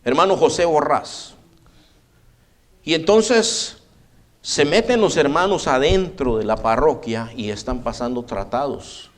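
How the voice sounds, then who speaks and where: A man's voice: fairly high pitch, a little slow. A man pastor preaching a sermon, telling a story and calling his listeners brother.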